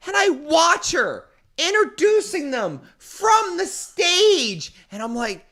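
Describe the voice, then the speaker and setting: Male podcast host, bright lively voice, swears freely, acts out every quote. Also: extremely high pitch, slow. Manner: profane, animated, acts out quotes loudly. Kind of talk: casual storytelling chat.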